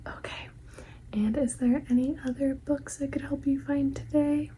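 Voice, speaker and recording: A woman acts out a gentle, attentive librarian in an ASMR whispered role-play. Her library whisper is breathy, hushed and very mellow, set a little high. There is faint noise behind her as she politely helps a customer. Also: steady tone, moderate pace, natural voice. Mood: gentle, helpful. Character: helpful, polite female librarian recommending books to a customer.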